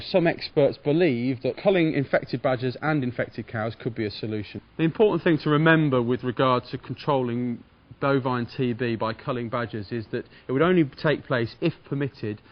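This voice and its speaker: A man, a farm veterinarian giving measured, formal explanations in an interview. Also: mid-range voice, dull audio. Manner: measured, formal veterinarian explaining carefully in plain professional terms.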